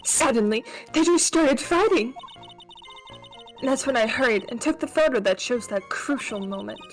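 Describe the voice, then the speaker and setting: A woman acts out a young female college student giving testimony in a comic courtroom game. Her voice sits somewhat high and comes across meek and earnest. She speaks politely and haltingly, with faint music underneath. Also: animated, lightly acted, poor audio. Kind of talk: comedic amateur courtroom game read-along.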